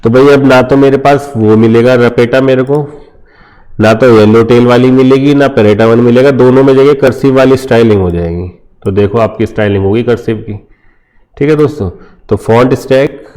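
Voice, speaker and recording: Man, Indian accent, coding tutorial, warm dark voice, casual chatty delivery, friendly filler check-ins. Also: mid-range voice. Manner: informal, addresses viewers as friends, frequent "theek hai" fillers. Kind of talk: screen-recorded coding lesson.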